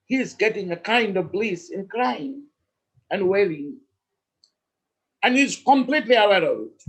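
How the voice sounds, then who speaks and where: A man as a spiritual teacher, telling a story in a slow, measured way with emphatic pauses. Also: high-pitched, expressive, breathy edge, poor audio.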